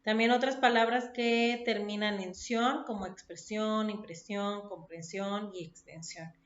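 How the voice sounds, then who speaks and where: A woman's voice: medium pitch, fairly even intonation, unhurried. A woman teacher giving a recorded lesson, listing words one by one and checking in with her listeners after each point. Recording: dull echoey room recording.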